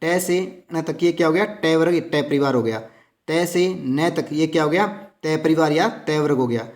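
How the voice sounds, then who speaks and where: Male teacher, slightly high pitch, lesson for exam prep, asks and answers his own questions. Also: normal speed. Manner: asks questions and answers them, addresses students as friends.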